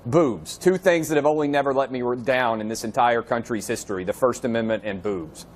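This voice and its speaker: A man's voice: medium pitch, a little fast. A man appearing as a TV guest, talking in a casual, brash way.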